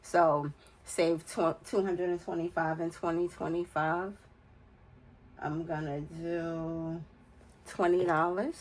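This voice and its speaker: Filling in budget challenges, a forties-aged American vlogger speaks casually and without hurry, counting under her breath. A cold leaves her congested and nasal. Her lowish voice keeps a level tone at a slow pace, and the recording is rough.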